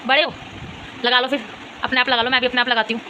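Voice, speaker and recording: A woman's voice: a little high, little pitch movement, quick pace, sharp tone, slight background noise. A young woman vlogging at home, talking with her small daughter and the viewers, by turns coaxing and scolding. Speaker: vlogger and mother. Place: home, indoors.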